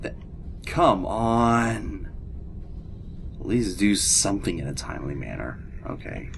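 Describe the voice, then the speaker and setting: Low-voiced, expressive man commentating on a game. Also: slow pace, gravelly, slight background noise. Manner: sarcastic, grumbling, talks back to characters. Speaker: gamer doing a playthrough. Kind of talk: casual gameplay commentary.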